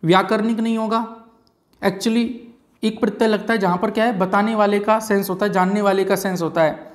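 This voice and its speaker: A man teaching grammar in an exam-prep lecture, slowly repeating key words and often checking in with "है ना" and "ठीक है जी". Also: sits high, steady tone.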